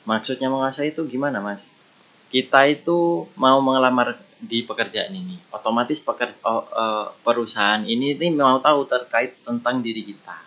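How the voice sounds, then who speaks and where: A man's voice: fairly low pitch, sharp tone, poor audio. A man gives casual career advice as a podcast guest, earnest and meandering, often restarting his sentences.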